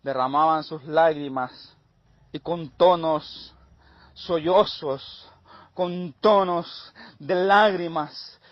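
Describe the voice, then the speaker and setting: A man's voice: a little high, steady tone, drawn-out words, no echo, highs cut off. A man preaching and giving a testimony in an emphatic, fervent style. He repeats his phrases in a rhythmic chain. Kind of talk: sermon testimony.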